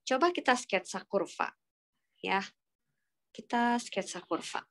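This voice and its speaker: A woman's voice: on the high side, animated, a little slow, a bit bright. A woman teaching an online calculus class, patiently walking students through each step and prompting them with questions. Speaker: math lecturer.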